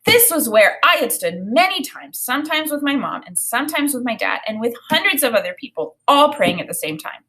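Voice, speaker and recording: A woman teacher with a high voice reads a children's story aloud expressively and dramatically, stopping to comment for learners.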